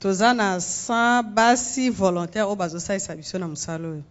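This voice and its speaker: A woman from Congo, a guest speaking in measured phrases and pausing for an interpreter in a church. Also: medium pitch, fairly even intonation, highs cut off. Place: church sanctuary.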